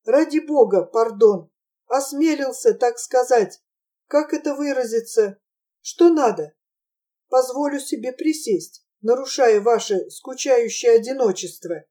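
A woman's voice: a little high, measured pace, mellow, recorded from a distance. A woman voicing a lovesick male shop clerk who speaks in a pompous, mock-refined and pleading way.

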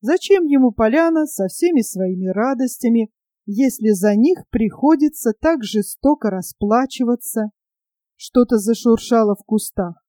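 A woman reading a storybook aloud in an expressive, measured way. Her voice is fairly high but mellow and dark, recorded close and dry. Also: no room sound. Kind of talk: storybook narration.

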